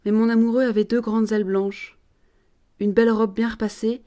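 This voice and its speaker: A woman's voice: a little high, flat delivery, normal speed, dark tone, natural voice. A woman voicing an earnest, devout young peasant girl in a read-aloud play. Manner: earnest, pleading.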